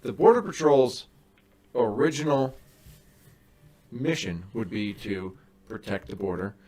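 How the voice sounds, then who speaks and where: A man co-hosting a podcast, talking casually and profanely, animated and quick to laugh. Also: medium pitch. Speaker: podcast co-host.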